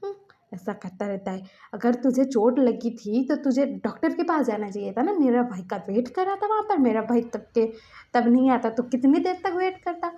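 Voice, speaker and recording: A woman's voice: animated, warm tone, muffled recording, close to an everyday voice. A woman voicing a blunt young male doctor who scolds his injured friend. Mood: bossy scolding. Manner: brisk, scolding, raised pitch.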